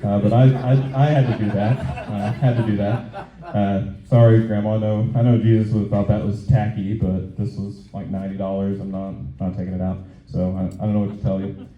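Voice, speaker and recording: A man doing stand-up on stage at an open mic, talking in a halting, conversational way and repeating his phrases. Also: on the low side, level tone. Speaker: stand-up comedian. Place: live comedy venue on stage. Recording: echoey room, dull muffled sound.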